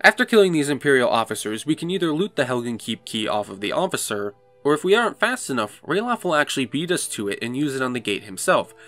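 A man's voice: medium pitch, very animated, fast talker, few pauses, fairly bright tone, faint music behind. A man narrating a game walkthrough in a casual, explanatory way. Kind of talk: casual gameplay commentary.

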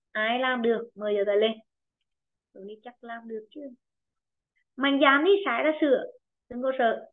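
A woman teaching an online English pronunciation lesson with a Vietnamese accent, encouraging students and repeating words slowly for them. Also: on the high side. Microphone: video call. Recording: tinny phone-like video call audio.

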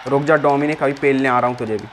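A man plays a wrestling video game and offers rowdy, casual commentary, mocking both the wrestlers and the referee. His voice is mid-range, fast and fairly bright, set against the game's crowd roar and sound effects.

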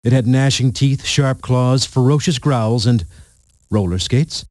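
A man's voice: medium pitch, a little slow, darkish tone. A man narrating a storybook game in a playful, punning storyteller manner.

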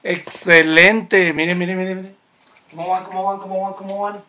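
A man's voice: sits high, flat delivery, quick pace, fairly bright tone, roomy sound, distant mic. Encouraging Colombian skating coach, man. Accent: Colombian Spanish. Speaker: skating instructor. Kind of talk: online kids' class.

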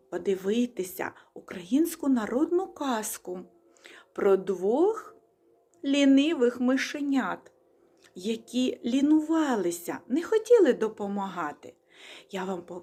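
A husky, mellow woman's voice speaks slowly to a group of young children as their teacher. Her pitch moves up and down a lot, in a gentle and reassuring way. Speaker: kindergarten teacher.

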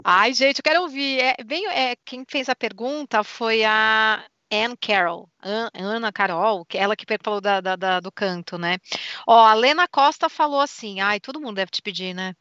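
A woman's voice: fairly high pitch, normal speed, bright, forceful tone, no echo, muffled recording. A woman hosting a live interview, enthusiastic and reading out viewer questions. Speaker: live stream host. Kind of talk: casual interview chat.

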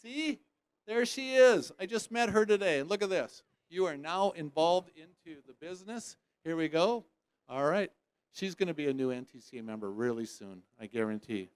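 Hosting a prize giveaway in a trade show lounge, a man teases the winners and jokes in playful emcee patter, breaking into loud bursts of excitement. His voice is a little high and smooth, at normal speed, with no echo.

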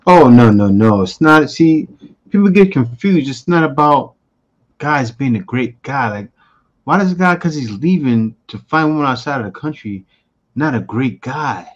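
A man in his forties hosts a reaction show from a small room, speaking bluntly and animatedly into a close studio mic and talking back at the clips in casual commentary. His voice is medium-pitched and a little slow, and the audio sounds dull.

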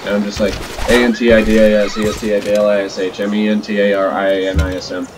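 A man's voice: fairly low pitch, quick pace. Sick young man with a scratchy voice. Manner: rambling, jokey, bursts of excitement. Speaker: gaming channel host. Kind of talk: casual let's-play chat. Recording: distant mic with loud music behind.

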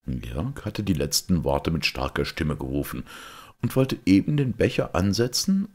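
Male narrator for a classic novel; husky, very low, and animated in his reading. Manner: expressive, dramatic reading. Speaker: audiobook reader.

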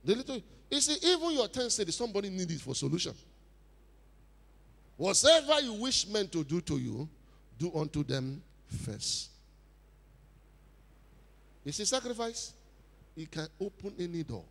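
A man preaching a sermon at a church convention, surging loud for emphasis and then dropping low. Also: sing-song, moderate pace, creaky, pauses often. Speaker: pastor. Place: large hall at a church convention. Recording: long hall reverb.

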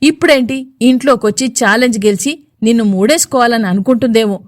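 A woman's voice: a little high, a little fast, no room sound, clean studio sound, close to an everyday voice. A woman voicing an angry, proud middle-aged mother who scolds with hissing rage in a spoken audio story. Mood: defensive.

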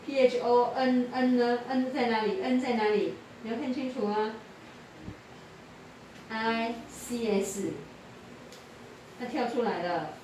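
An English teacher with a fairly high voice tutors pupils in a classroom, speaking slowly with long pauses. She patiently repeats prompts and quizzes the children. The echoey room is recorded from a distance, with faint noise.

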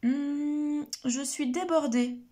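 A woman's voice: high voice, fairly even intonation, slow, mellow, voice pushed up. A woman voicing an overbusy squirrel in a storybook, flustered and fussy.

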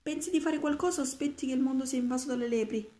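A woman reading aloud and voicing an anxious, clever young boy in a higher, exclaiming voice. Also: fast talker, dark tone, lightly acted. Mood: pleading. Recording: roomy echoing room.

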